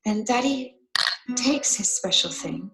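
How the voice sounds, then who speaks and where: An actress playing a gentle mother who slowly and awkwardly explains the facts of life to her small child. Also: a little high, expressive, vocal fry, a little hiss or hum, heavily acted, poor audio. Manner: slow, patient, hesitant and softly awkward. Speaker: mother in a film scene.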